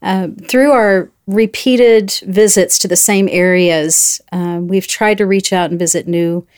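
A woman's voice: medium pitch, steady tone, unhurried, darkish tone. A middle-aged woman chatting as a guest, telling a story and acting out the voices she quotes. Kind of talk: casual storytelling chat.

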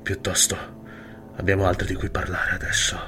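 A man voicing a mysterious blindfolded male elf in an audiobook, speaking calmly and insistently. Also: sits low, slight background noise. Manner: calm, measured, quietly insistent. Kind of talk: audiobook character reading.

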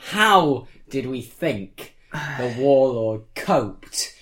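A man co-hosting a casual film review podcast, hesitant with fillers before warming up. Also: medium pitch, animated, very slow. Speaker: podcast co-host.

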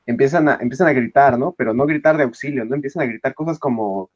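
A man in a casual group chat giving deadpan joking advice. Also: medium pitch, fast, no echo, lo-fi sound.

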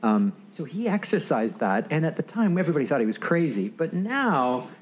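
A man's voice: fairly high pitch, normal speed, a little hiss or hum, low-quality recording. A man co-hosting a casual podcast conversation, rambling and restarting as he tells stories. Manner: rambling, self-interrupting, animated storytelling. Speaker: podcast co-host.

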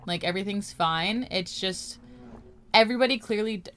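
A woman's voice: mid-range voice, moderate pace, a bit bright. A young woman from California co-hosting a podcast, chatting casually in a rambling, tipsy way. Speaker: podcast co-host. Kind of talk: casual chat.

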